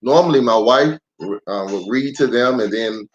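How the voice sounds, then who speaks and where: An American pastor, an adult parent of young children, hosts a children's story time livestream, chatting casually and warmly to families and addressing viewers directly. His mid-range voice is a little slow, and the lo-fi livestream audio sounds dull with music underneath.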